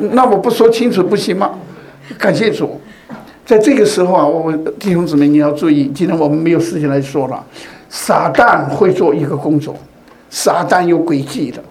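A preacher delivers a sermon conversationally, telling a personal story to make his point and often putting rhetorical questions to his listeners. His voice is high and a little mellow.

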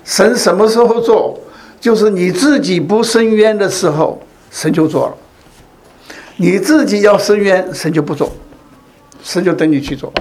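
A man's voice: high voice, normal speed, a little mellow, slight background noise. A man preaching a sermon, repeating phrases and asking rhetorical questions.

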